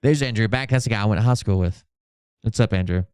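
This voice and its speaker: Fast and lowish in pitch, this man's darkish, clear, resonant voice comes through as clean studio sound with no room sound. Hosting a livestream, he gives sarcastic, sweary commentary on social media posts, reading them out with mock drama.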